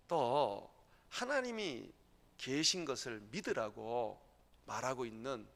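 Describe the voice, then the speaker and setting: Man, pastor, sermon, gravelly, very animated pitch, emphatic bursts. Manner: emphatic preaching with sudden loud high bursts.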